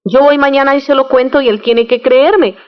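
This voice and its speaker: A woman's voice: sits high, steady tone, moderate pace, close to an everyday voice. A woman voicing an eager nun insisting to her priest, in a slightly muffled radio recording. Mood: insistent.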